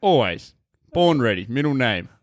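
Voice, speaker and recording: A man's voice: medium pitch, very animated, moderate pace, no room sound. A young man co-hosting a casual podcast, easygoing and joking with dry quips. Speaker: podcast co-host. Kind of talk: casual chat.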